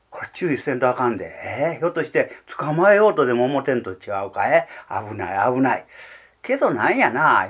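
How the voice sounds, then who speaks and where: A man doing a skittish heron talking to itself, kansai accent, bouncy pitch, rakugo telling. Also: fairly bright tone, slightly rough, full character voice. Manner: muttering to itself, cautious then reassured. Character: wary, chattering heron in a pond. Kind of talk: rakugo storytelling.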